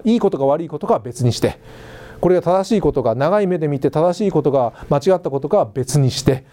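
A middle-aged male lecturer gives a relaxed, conversational class, throwing rhetorical questions at his students. His voice sits a little high and swings up and down a lot. The tone is mellow and dark. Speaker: university lecturer in English education.

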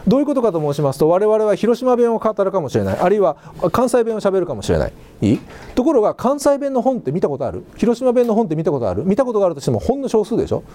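A middle-aged male lecturer gives a relaxed, conversational class, throwing rhetorical questions at his students. His voice sits a little high and swings up and down a lot. The tone is mellow and dark. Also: rapid-fire. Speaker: university lecturer in English education.

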